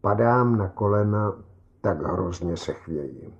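A man narrating a story in the first person with a tense, measured dramatic reading, on a dull lo-fi recording. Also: fairly low pitch, expressive. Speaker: audiobook narrator.

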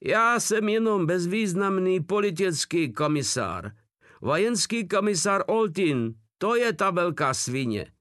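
Brief: terrified Russian-accented captive, much higher than his own voice, loud, frantic. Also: animated, no echo, studio quality. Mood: panicked. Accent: Russian, put on. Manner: panicked pleading, broken words. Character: terrified captured male Soviet commissar.

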